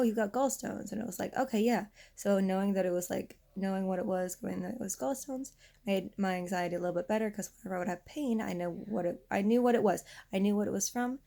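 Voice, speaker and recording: A young woman in her twenties, hoarse from losing her voice, rambling casually in a vent vlog while lying down. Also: mid-range voice, warm tone. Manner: lying down, rambling with many restarts. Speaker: vlogger.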